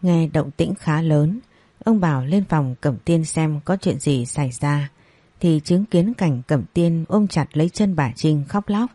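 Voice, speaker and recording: A woman with a low, mellow voice narrates a family drama. Her tone is husky, and the recording is dry and close. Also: measured pace, no room sound. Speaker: storyteller.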